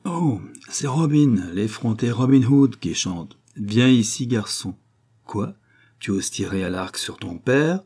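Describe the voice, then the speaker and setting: A man voicing a cheerful old male peasant archer in a storybook reading, speaking in lively exclamations. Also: medium pitch, slow, husky, exaggerated voice. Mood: delighted.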